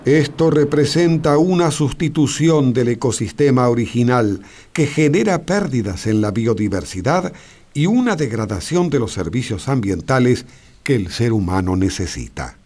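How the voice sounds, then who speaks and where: A man narrating a scripted nature documentary in a measured, explanatory way. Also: mid-range voice, animated, darkish tone. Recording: music behind the voice. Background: background music.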